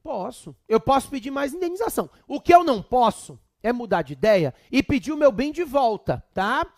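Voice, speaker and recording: A man's voice: extremely high pitch, sing-song, normal speed, darkish tone, no echo, studio quality. A man with a Brazilian accent giving a chatty law exam prep lecture with humorous asides. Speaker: law teacher.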